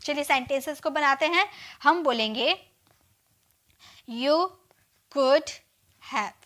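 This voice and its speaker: In a high, slightly bright voice, an Indian woman gives an English grammar lesson, using Hindi for explanations and reading out sample sentences slowly word by word.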